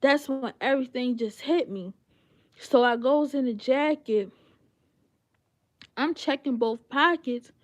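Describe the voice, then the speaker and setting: A woman's voice: high voice, measured pace, long pauses. A young woman on a livestream telling a heated story, profane and indignant, with lots of fillers.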